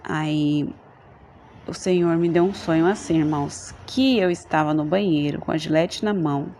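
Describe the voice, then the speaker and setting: A woman's voice: sits low, moderate pace, warm tone, a little hiss or hum. Earnest Brazilian woman giving church testimony. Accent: Brazilian Portuguese. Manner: earnest, addresses listeners as brothers, frequent tag questions. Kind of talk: religious testimony to a congregation.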